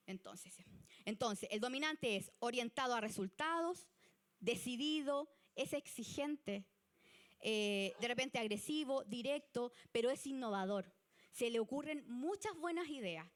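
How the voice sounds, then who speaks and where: A woman with a Chilean Spanish accent giving a church youth leadership lesson, chatty and animated. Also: a little high, measured pace. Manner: chatty and animated, acts out example people.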